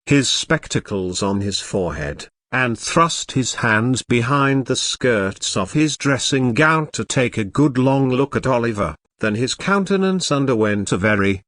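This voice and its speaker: A man narrating a classic novel in a measured storybook reading. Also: medium pitch, animated, a bit bright, no room sound, clean studio sound.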